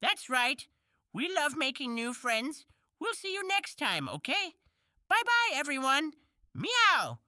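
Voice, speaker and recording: Woman voicing a cheerful cartoon kitten, high bright voice, slow sing-song to toddlers. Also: sing-song, dry recording, clean studio sound, exaggerated voice. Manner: slow, sing-song, talks to small children. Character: cheerful young male kitten host. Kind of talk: preschool cartoon voice.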